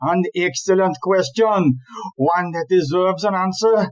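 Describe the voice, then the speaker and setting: Playing a fed-up, blustering chief police inspector in a comic audio play, a male actor with a high voice explains things indignantly through an emphatic, deliberate rant. The highs are cut off in the recording.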